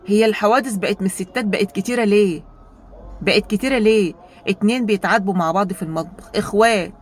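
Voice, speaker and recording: An Egyptian woman vlogger telling a story in a casual monologue, animated and rhetorical, often turning to her viewers with questions. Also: medium pitch, fast, a little hiss or hum. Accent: Egyptian Arabic.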